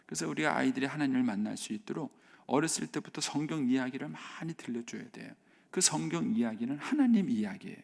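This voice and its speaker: Man, pastor, dawn sermon, lively swooping delivery, gravelly rasp. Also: medium pitch, fast talker. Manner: animated, acts out quoted voices, drops to near whispers. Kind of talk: sermon at a dawn worship service. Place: church sanctuary.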